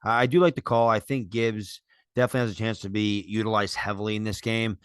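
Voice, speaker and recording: A man co-hosting a casual sports talk, giving earnest, measured fantasy football analysis with many fillers. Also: lowish voice, steady tone, clean tone, no echo, studio quality. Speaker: podcast co-host.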